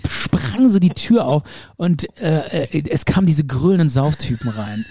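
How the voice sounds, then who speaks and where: A man's voice: a little high, unhurried, breathy edge, no room sound, clean studio sound. A man casually telling a long story on a podcast, rambling and acting out the quotes. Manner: animated, rambling, acts out quotes. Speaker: podcast co-host.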